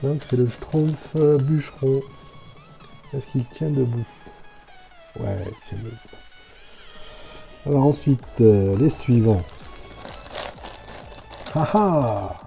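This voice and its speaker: A man's voice: mid-range voice, lively intonation, slow, gravelly, long pauses, dark tone, faint music behind. A man chatting casually as he unboxes toys, thinking aloud and describing each figure in detail. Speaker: toy reviewer.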